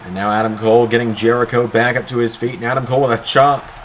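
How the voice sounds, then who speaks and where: A man gives play-by-play in the manner of a wrestling commentator. His mid-pitched voice stretches out the calls of big moves with excitement. There is background noise under the recording. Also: fast. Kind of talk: wrestling commentary of a video game match.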